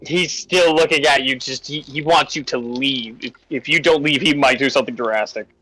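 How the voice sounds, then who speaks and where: A man's voice: mid-range voice, normal speed, sharp tone, poor audio. A man narrating a tabletop game as dungeon master in a loose, easygoing way.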